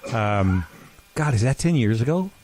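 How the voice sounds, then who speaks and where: A middle-aged podcast co-host tells rambling stories in a casual chat, restarting and correcting himself often and coughing now and then. His medium-pitched voice is lively, a little slow and darkish in tone.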